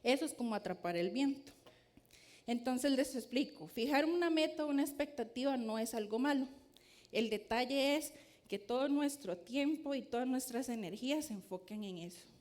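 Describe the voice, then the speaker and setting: Higher-voiced woman preaching. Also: expressive, normal speed, darkish tone. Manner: storytelling, asks the audience questions. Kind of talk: sermon with a told story.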